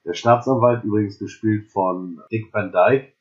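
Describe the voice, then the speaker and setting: A man's voice: lowish voice, unhurried, highs cut off. A man co-hosting a casual film podcast, adding trivia and short agreements. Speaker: podcast co-host. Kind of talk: casual chat.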